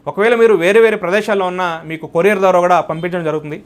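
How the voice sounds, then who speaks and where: A man giving an instructional religious talk, going briskly through a numbered list of points. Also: sits high. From India. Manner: brisk, listing points in order. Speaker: religious teacher.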